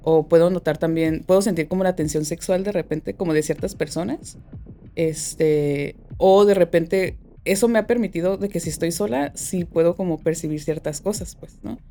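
A woman's voice: on the low side, normal speed, dark tone, faint music behind. A woman guest with a Mexican accent, talking casually in slang and often closing her thoughts with a trailing question tag. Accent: Mexican Spanish. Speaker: guest, tattoo artist. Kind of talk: casual chat.

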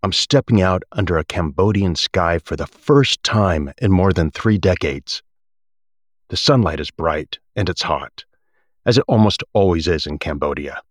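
Very deep-voiced man reading aloud. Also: lively intonation, dry recording, clean studio sound. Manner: measured, deliberate. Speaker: actor reading a book aloud. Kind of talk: audiobook-like dramatic reading of a memoir.

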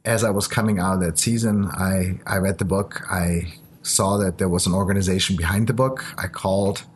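A man born in Japan and raised in Germany, speaking English as his third language and sharing a halting, earnest testimony in casual conversation. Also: deep voice, steady tone, slight background noise. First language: not English.

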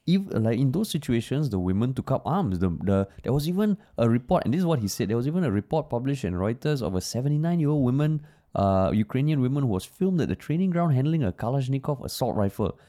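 A man's voice: medium pitch, big pitch swings, fast, warm tone. A man with a Singaporean accent in a casual, opinionated podcast discussion, speaking colloquial Singlish with particles and casual swearing. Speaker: podcast co-host.

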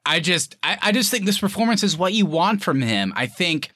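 Bright-voiced man, casual podcast host. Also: high-pitched, big pitch swings, moderate pace, dry recording, studio quality. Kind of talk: casual film review chat.

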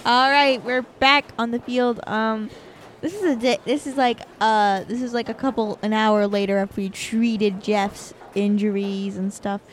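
Slow, unsure woman host of a toy game, faint noise behind. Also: on the high side, steady tone. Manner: hesitant, many fillers. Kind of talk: casual toy play commentary.

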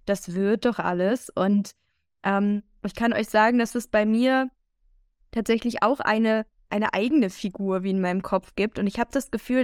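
Woman co-host, calm and reasoned, mid-pitched, dry recording. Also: dry recording. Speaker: podcast co-host. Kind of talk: casual chat.

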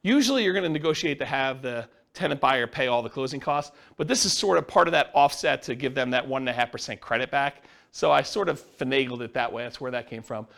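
Fast-talking man with a gravelly voice. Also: mid-range voice, fairly bright tone. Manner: casual, explains numbers step by step, asks the class questions. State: losing his voice. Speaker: real estate instructor. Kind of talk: teaching a class.

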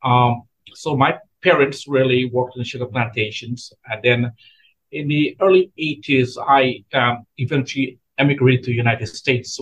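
A middle-aged man, a history professor answering interview questions haltingly, with frequent ums and restarts. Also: medium pitch, rough recording. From Guyana. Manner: halting, many fillers and restarts.

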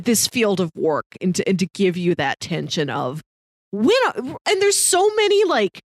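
A woman co-hosts a podcast, chatting casually about film and peppering her talk with "like." Her mid-range voice is recorded at studio quality, with no echo.

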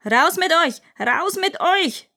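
A woman voicing a huge, grumpy male elephant who shouts and complains, in a storybook reading. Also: medium pitch, animated, normal speed. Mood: pained shouting.

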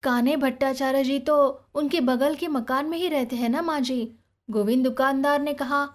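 A nervous young servant boy, voiced by a woman reading a novel aloud, speaks in a hushed, anxious way. His voice sits noticeably high, and he sounds eager to please. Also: moderate pace, close to an everyday voice. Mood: timid.

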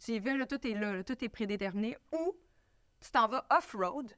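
A woman with a Québécois French accent, hosting a casual podcast conversation with animated, expressive storytelling. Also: fairly high pitch, fairly quick, dry recording, clean studio sound. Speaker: podcast host.

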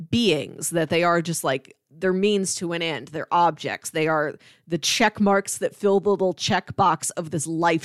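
Co-hosting a podcast, a woman analyses a film in a casual but analytical way, adding emphatic asides and paraphrases. Her voice is low-pitched, and the recording is dry and clean, studio quality.

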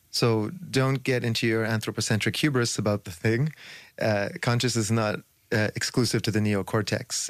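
A male guest on a radio interview lays out his ideas in long, fluent stretches, now and then pausing on an "uh." His voice sits fairly low. The sound is dry and close. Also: dry recording. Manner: fluent, explanatory, with occasional uh fillers.

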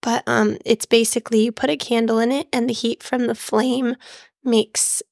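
Sick woman co-host, hoarse squeaky voice with gravelly fry, higher pitch, dry close sound. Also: flat delivery, moderate pace, darkish tone, no echo. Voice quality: squeaky, broken voice. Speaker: podcast co-host. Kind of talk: casual chat.

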